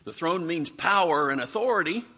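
A man leads a Bible study with a forceful, bright voice that swings widely in pitch. He teaches in an animated way and keeps throwing questions to the group. There is a husky edge to his tone. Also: moderate pace. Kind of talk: interactive Bible class teaching.

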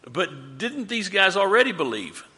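Bible study leader, male, lively questioning delivery, bright tone in a reverberant room. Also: high voice, unhurried. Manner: animated, asks the group questions. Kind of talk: group Bible study teaching.

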